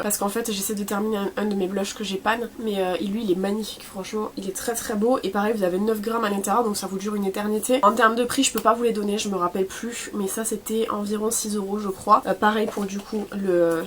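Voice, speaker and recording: A woman's voice: medium pitch, slight background noise. A young woman with a cold, chatting casually through a makeup tutorial, full of fillers and self-corrections. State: sniffly from a cold. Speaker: beauty vlogger.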